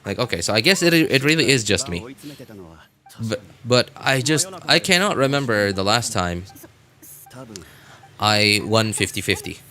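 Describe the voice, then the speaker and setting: Unhurried and pausing often, this man speaks in a lowish, bright voice with big swings in pitch and a forceful tone. On his game livestream he chats casually, answering viewer comments in a hesitant way and frequently repeating phrases, with music behind him.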